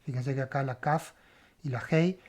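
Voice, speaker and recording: Spelling out letters and repeating sounds, a Hebrew teacher teaches a word-by-word Bible language lesson, asking a questioning "right?" after each step. The delivery is medium-pitched and darkish at a moderate pace.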